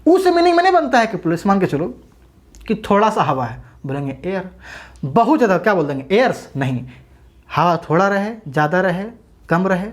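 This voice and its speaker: A woman's voice: on the low side, very animated, brisk. A woman teaching an English grammar lesson for exam students, asking questions and answering them herself, and addressing viewers as brothers and sisters.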